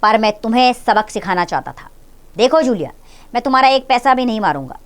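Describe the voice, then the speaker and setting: A woman teacher voicing a stern, angry male householder who lectures and nearly shouts at his maid. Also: a little high, lively intonation, brisk, pitched above the performer's own voice, natural voice. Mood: lecturing.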